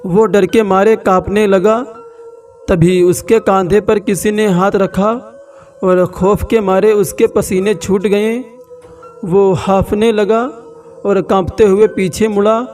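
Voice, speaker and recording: A man narrating a scripted horror story slowly and dramatically with long pauses. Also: high voice, steady tone, darkish tone, recorded from a distance, faint music behind.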